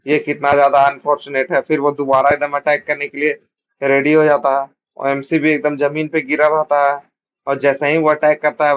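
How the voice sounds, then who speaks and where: Male recap narrator, colloquial storyteller, monotone, muffled home recording. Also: fairly high pitch, dry recording. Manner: colloquial, repetitive, rushed retelling.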